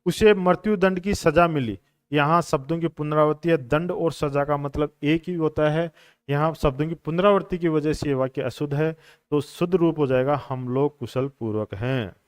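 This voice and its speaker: A man's voice: fairly high pitch, moderate pace, clear, resonant tone, no echo, clean studio sound. A man teaching a coaching class on questions. He explains each answer patiently, repeats the answers and calls his students brothers and friends. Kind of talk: classroom lecture on Hindi exam questions.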